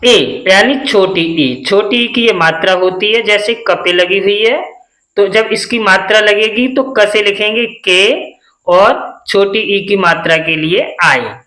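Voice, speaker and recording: A man teaching English spelling step by step, spelling letters out one by one and asking the class quick questions. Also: sits high, pushed and bright, reverberant, low-quality recording.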